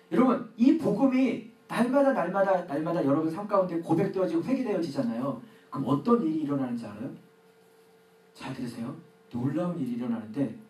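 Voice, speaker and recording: A man's voice: fairly high pitch, darkish tone. A middle-aged man preaching a sermon as pastor, acting out his own prayers and quarrels. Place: church sanctuary. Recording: echoey church hall, mic at a distance.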